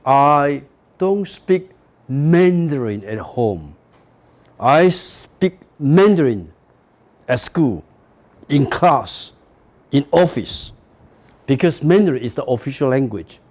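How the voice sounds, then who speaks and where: A middle-aged man from Taiwan, a native Taiwanese speaker with a Taiwanese accent, delivers a university classroom lecture in English in a sing-song, mid-range, slightly mellow voice. He goes slowly, pauses often, stresses words emphatically and says "you know" and "okay" a lot.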